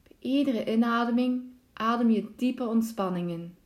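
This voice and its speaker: The guide for this relaxation meditation is a woman teaching yoga nidra, with a voice pitched on the high side. She delivers soothing, calm instructions at a measured pace.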